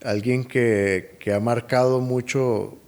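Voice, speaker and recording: A man, hosting a podcast interview in a friendly, halting way. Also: mid-range voice, fairly even intonation, darkish tone. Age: 20s. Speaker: podcast host. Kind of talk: casual interview.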